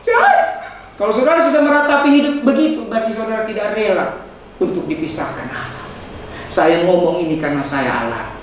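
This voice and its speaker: A male pastor preaching a sermon, emphatic, with sudden high dramatic outbursts and quick asides. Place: church hall. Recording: echoey hall, distant mic, faint noise.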